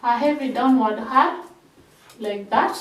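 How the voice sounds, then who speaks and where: A woman from Kenya teaching a shorthand class, repeating each word again and again as she drills it. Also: on the high side. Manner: slow, repeating words in drills. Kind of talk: classroom lesson. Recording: echoey room, mic at a distance.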